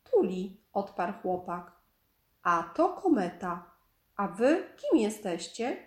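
A woman's voice: mid-range voice, big pitch swings, takes it slowly. A woman reading the lines of a friendly mountain boy in a storybook, in a plain, matter-of-fact way. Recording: echoey room.

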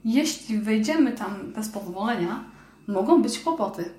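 A loyal pet dog, as a woman reader puts him on speaks softly and earnestly, close to her own voice. The reading is recorded in an echoey room. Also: mid-range voice, expressive, a little slow, close to an everyday voice. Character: gentle loyal male dog companion.

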